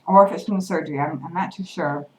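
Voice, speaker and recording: Woman, low voice, casual home video diary, halting speech between bites, faint room hiss. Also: darkish tone, poor audio. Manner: halting, repeats words, eats while talking. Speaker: vlogger.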